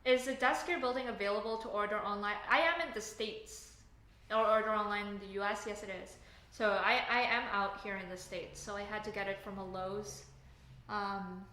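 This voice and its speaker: Reading comments on her livestream, this Canadian software engineer chats casually, wandering off on tangents and using lots of filler words. Her mid-range voice carries a Canadian accent and a steady yet sharp tone at a moderate pace, in an echoey room with faint ambience.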